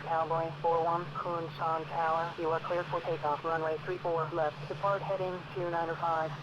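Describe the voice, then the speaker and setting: A man voicing a brisk, procedural air traffic controller, heard as a radio transmission over a cockpit headset, in clipped, stitched-together phrases. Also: fairly high pitch, flat delivery, muffled recording. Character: male control tower operator, brisk and procedural. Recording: noisy distant radio transmission.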